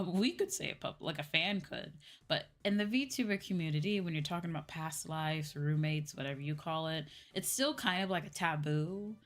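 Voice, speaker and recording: Casual and chatty, this VTuber host answers her livestream viewers in a low, slightly bright voice. She explains informally, circles back over the same points, and often adds "right?". There's faint music in the background.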